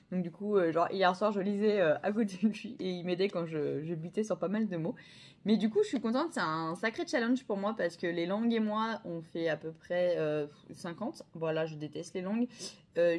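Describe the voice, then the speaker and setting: A woman's voice: fairly low pitch, darkish tone. A young French woman chatting casually about her books, hesitant, with many fillers and self-corrections. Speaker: book vlogger. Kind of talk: casual chat.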